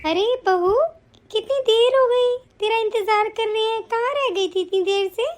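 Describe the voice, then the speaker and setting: A woman voicing a doting, fretful older mother-in-law in an animated story. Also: very high-pitched, moderate pace, slight background noise.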